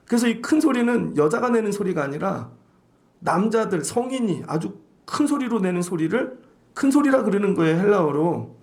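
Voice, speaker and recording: Animated, gravelly-voiced male pastor preaching. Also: sits high, moderate pace. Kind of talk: sermon.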